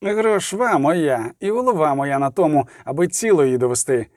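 A man reading aloud and voicing a gruff, stubborn male guard who growls his refusals. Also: a little high, lively intonation, moderate pace, darkish tone, no echo, studio quality, close to an everyday voice. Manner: growling, defensive.

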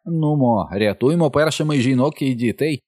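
A man's voice: mid-range voice, moderate pace, a little mellow, no echo, clean studio sound, voice pushed up, natural voice. A man voicing a brash, showy, wisecracking boy of about eleven in a storybook reading. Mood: teasing.

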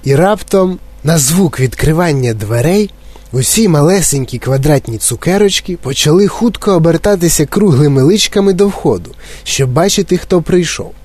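A man narrating a children's audiobook in an expressive storytelling manner. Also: a little high, slightly rough, dry recording.

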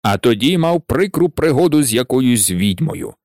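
A man's voice: medium pitch, big pitch swings, normal speed, darkish tone, no room sound, studio quality. A man doing a hearty giant. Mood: friendly. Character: big warm male giant, folksy dialect.

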